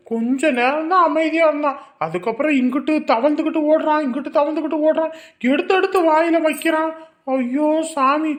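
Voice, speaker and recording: A woman plays a frazzled young village mother. She complains in a high, exasperated voice about how worn out she is. The tone is quick-tempered and comic. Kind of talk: comedy skit acting.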